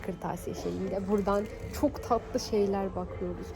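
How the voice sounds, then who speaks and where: A young woman vlogging on her phone outdoors and in a cafe, chatting casually and swinging between giddy teasing and low grumbling complaints. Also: fairly even intonation, a little slow, creaky. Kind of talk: casual vlog chat. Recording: loud background music. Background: music playing.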